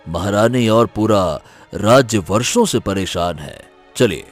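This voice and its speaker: A man's voice: fairly low pitch, animated, measured pace, soft background music. An actor playing a stern middle-aged village headman who speaks with commanding authority. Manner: commanding, pronounces judgment.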